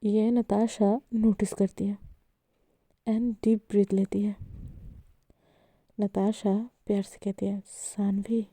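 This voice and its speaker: A woman tells a love story in a chatty, casual way, slipping in English words and speaking to her listeners directly. Her voice is dark and mellow, and she takes her time. The recording is dry and close. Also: medium pitch, little pitch movement, takes it slowly, long pauses, no room sound.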